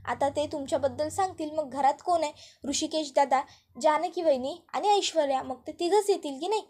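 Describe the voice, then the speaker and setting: A woman voicing a clever young sister-in-law who lays out a plan briskly. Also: high-pitched, a little mellow, close to an everyday voice. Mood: plotting.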